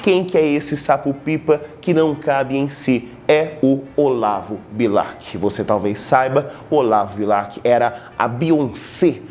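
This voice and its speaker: Lively Brazilian teacher with slangy asides. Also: male voice, a little slow, few pauses, slight background noise. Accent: Brazilian Portuguese. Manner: lively, slangy, jumps into mocking high voices. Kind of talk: online literature lecture.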